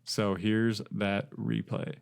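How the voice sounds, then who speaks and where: A man's voice: lowish voice, little pitch movement, takes it slowly, vocal fry, clean tone. A man co-hosting a podcast, talking casually and often breaking into laughter. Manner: chatty, laughing, jokey. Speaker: podcast co-host. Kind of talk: casual chat.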